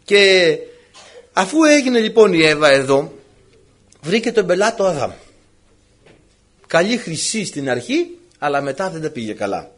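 A man preaching a sermon, with a husky voice and a playful, animated manner, acting out the characters. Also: a little high, pauses often.

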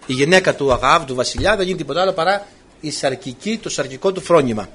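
A man's voice: on the high side, animated, a bit bright, husky. A man preaching a sermon, retelling old stories with animation and acting out the lines of the people in them.

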